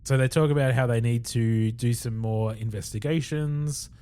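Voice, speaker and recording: An Australian man co-hosting a podcast, walking through an episode's plot in a loose, chatty way. His voice sits at an ordinary mid pitch, and he peppers the retelling with fillers and chuckles. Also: steady tone, moderate pace, dark tone, clear, resonant tone. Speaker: podcast co-host. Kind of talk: casual episode recap.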